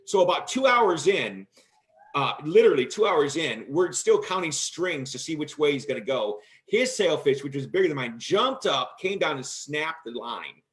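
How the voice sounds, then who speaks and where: A man hosting a casual chat show, telling stories in an animated way and acting out quotes loudly. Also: a little high, normal speed. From Michigan, USA. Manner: animated, acts out quotes in a loud voice. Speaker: host.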